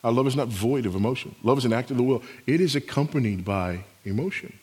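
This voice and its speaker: A man's voice: mid-range voice, expressive, fast, a little mellow, slightly rough, long reverb tail. A man preaching a sermon as pastor, emphatic, repeating his key phrases.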